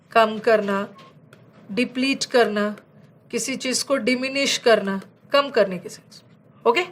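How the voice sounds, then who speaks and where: A woman teaching an English vocabulary lesson with an Indian accent, explaining in Hindi and slowing down to read out English example sentences. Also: a little high.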